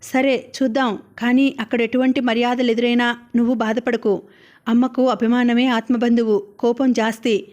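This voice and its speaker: A troubled young husband and son pleads earnestly, read by a woman in a high voice. His lines keep an even, flat tone, as in a storybook read aloud. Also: moderate pace, lightly acted. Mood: worried.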